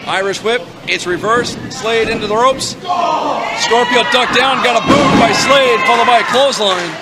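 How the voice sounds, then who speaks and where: A man calling live pro wrestling play-by-play as an excitable announcer who exclaims at the big moves. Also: very high-pitched, moderate pace, loud music behind the voice. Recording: loud crowd noise behind commentary. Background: wrestling crowd.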